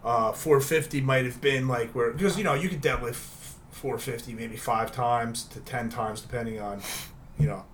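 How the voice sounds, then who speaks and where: A man's voice: medium pitch, moderate pace, a bit bright, a little hiss or hum. A man in casual chat, easygoing and agreeable, rambling through a story.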